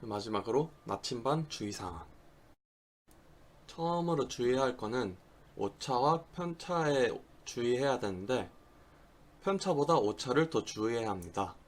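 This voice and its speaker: A man speaks at a medium pitch as an instructor presenting a lesson. He is not a native speaker of Korean. His delivery is halting, and he now and then slips on a word and says it again. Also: lively intonation. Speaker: diving instructor giving a lecture.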